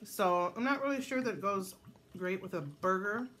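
Cooking at home for her vlog, a middle-aged woman with a Wisconsin accent rambles casually with lots of fillers, moving between the kitchen and the dining table. Her mid-range voice is a bit bright and her pace moderate.

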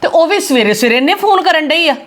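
A woman's voice: sits high, lively intonation, quick pace, a bit bright. A woman playing a busy mother at home who brushes off her daughter's worries, in a family drama. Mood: dismissive. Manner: dismissive, reassuring. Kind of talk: amateur family drama acting.

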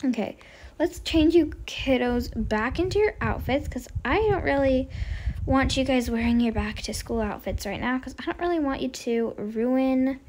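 High-voiced, chatty woman gamer. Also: normal speed, a little mellow. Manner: chatty, playful, with whispered asides. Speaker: gaming channel host. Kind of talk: Roblox role-play commentary.

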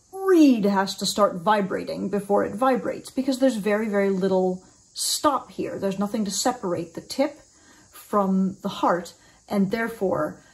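A woman's voice: medium pitch, a little mellow. Woman explaining reed making at home. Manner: thoughtful, explanatory, with frequent ums and restarts. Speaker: oboe teacher. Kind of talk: instructional video. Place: small home room.

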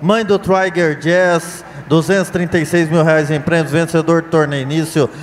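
A man's voice: a little high, fairly even intonation, moderate pace. A Brazilian man presenting lots as an auction commentator, formally listing achievements. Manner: formal, list-like delivery of achievements. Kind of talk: sales presentation, announcer commentary. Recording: long hall reverb.

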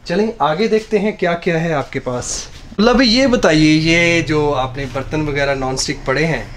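A man's voice: a little high, moderate pace, slight background noise. A Pakistani man hosting a casual shop tour, asking questions and admiring the goods effusively. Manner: effusively admiring, repeating praise. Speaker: host. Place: inside a shop.

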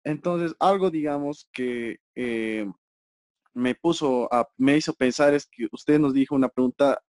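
A man's voice: medium pitch, measured pace, a little mellow. Hesitant Bolivian male student. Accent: Bolivian Spanish. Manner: hesitant, careful questioning.

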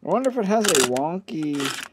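Hands busy at an indoor workbench, the host of an electronics repair channel mutters casually to himself in an offhand way. His voice sits on the high side and his pace is moderate. A nearby camcorder mic records steady background noise and the clicks of him handling things.

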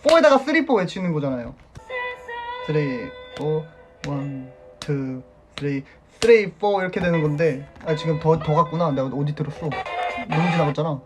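A man in his twenties, an idol band member, hosts a casual solo live stream with music playing behind him. His fairly high voice moves at a moderate pace as he playfully reads viewer comments aloud and laughs often.

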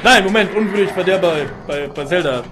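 A young man streaming and commenting live on a video game, expressive, often tripping over repeated words. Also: high-pitched, fairly quick, soft background music. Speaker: let's-play streamer.

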